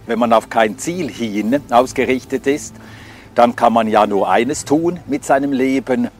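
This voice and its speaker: With an unhurried, mid-range male voice, an older man from Scandinavia whose first language is Swedish recounts his life in a testimony. He's thoughtful and halting, using many fillers, and faint music sits behind him.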